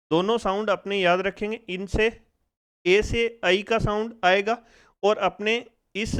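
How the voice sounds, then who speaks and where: Teaching phonics, an Indian man speaks in a high, smooth, fairly bright voice. He asks the class each question over and over and works through every sound one step at a time.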